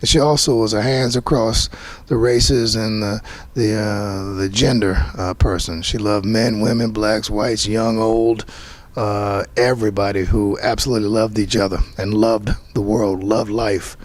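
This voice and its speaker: A man's voice: fairly low pitch, fairly even intonation, measured pace. Earnest man reflecting after a show. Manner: earnest, reflective, frequent restarts. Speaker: playwright. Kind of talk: post-show talkback interview. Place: theater after a performance.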